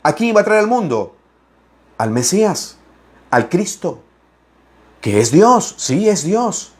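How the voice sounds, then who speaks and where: Fiery, expressive male preacher, fairly high voice. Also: slow pace. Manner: expressive, raises and lowers his voice, laughs while speaking; acts out opponents' lines in mocking voices. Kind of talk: animated Bible-study preaching.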